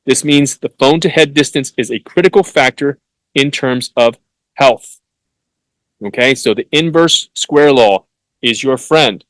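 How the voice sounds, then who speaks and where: A man hosting a solo podcast, reading passages haltingly with fillers and restarts, then breaking off into blunt, hectoring asides with some swearing. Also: medium pitch, fairly bright tone, dry recording, low-quality recording. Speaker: podcast host.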